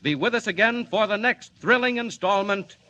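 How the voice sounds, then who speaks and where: Bright, dramatic radio serial announcer, male. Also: sits high, normal speed, dull audio. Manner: dramatic, urgent. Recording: old 1940s radio recording, faint noise.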